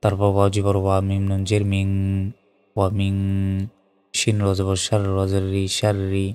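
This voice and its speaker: A man teaching Quran recitation letter by letter, moving between slow chanted recitation and plain spoken explanation. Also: deep voice, completely flat delivery, a little mellow, clean tone. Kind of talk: spelled-out recitation lesson. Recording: long reverb.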